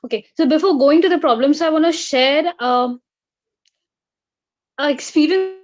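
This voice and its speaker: A young woman in her twenties, a student giving an earnest, halting online talk over a video call with a bad connection that keeps cutting out. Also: high voice. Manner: earnest, halting with many fillers. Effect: choppy audio from a bad connection that keeps cutting out. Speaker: student speaker. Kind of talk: online presentation. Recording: dull lo-fi online call audio.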